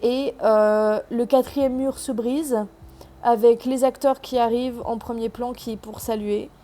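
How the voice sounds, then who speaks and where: A woman's voice: a little high, fairly even intonation, measured pace, mellow. A South American woman who has lost her accent, giving a sarcastic, slangy film review in casual vlog style.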